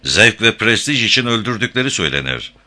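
A man doing a steady young frontiersman. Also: lowish voice, brisk, pitched above the performer's own voice, exaggerated voice. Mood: grim.

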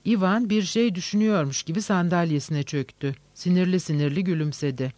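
Male narrator, measured novel reading, dry close sound. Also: high voice, a little mellow, dry recording.

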